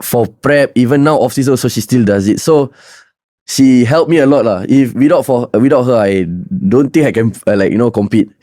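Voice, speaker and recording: A man's voice: mid-range voice, normal speed, mellow, dry recording, studio quality. A young man with a Singaporean or Malaysian accent chatting casually as a podcast guest in colloquial local slang English sprinkled with "lah". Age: young adult. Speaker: podcast guest, competitive bodybuilder.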